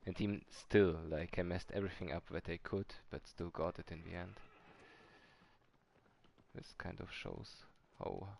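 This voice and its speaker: Low, gravelly man streaming a speedrun. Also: fairly even intonation, unhurried, a little mellow, slight background noise. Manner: chatty, answers chat, self-deprecating about mistakes. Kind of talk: casual stream commentary.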